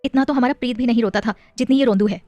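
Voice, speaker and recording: Audio story role: a loving, teasing young mother, as the woman narrator voices her, high-pitched, close and dry. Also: rapid-fire, dark tone, no room sound, faint music behind, lightly acted. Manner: teasing, affectionate scolding. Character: young wife and mother, firm but loving.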